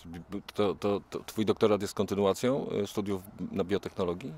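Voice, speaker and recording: Middle-aged man, low voice, radio reporter, long winding questions, outdoors. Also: a little fast, darkish tone, husky. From Poland. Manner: long rambling questions with repetitions. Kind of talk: interviewing. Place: outdoor athletics stadium. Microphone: handheld mic.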